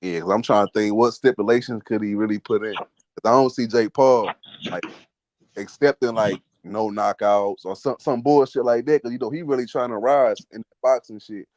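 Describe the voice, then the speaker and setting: A man's voice: on the low side, normal speed, darkish tone, dry recording. A man co-hosting a podcast in casual chat, speaking bluntly with heavy slang and free swearing. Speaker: podcast co-host.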